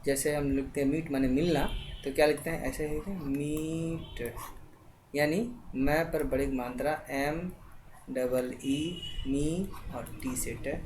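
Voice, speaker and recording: Spelling out words letter by letter at a slow pace, a woman leads a lesson and keeps checking in with "thik hai." Her low voice holds a steady tone and is a little mellow. Some hiss or hum can be heard.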